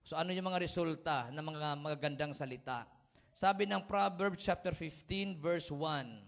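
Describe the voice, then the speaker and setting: Man preaching with humor, voice a bit high, asks for amens, chuckles through stories. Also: moderate pace, a bit bright. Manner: chuckles while telling everyday stories. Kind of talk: sermon.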